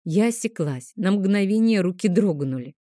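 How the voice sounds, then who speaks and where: A woman narrating a first-person audiobook in a gentle, expressive storytelling manner. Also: mid-range voice, normal speed, no echo, clean studio sound.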